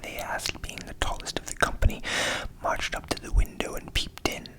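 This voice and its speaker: Breathy and soothing, a man softly whispers a fairy tale in the style of an ASMR storyteller, pausing at measured intervals.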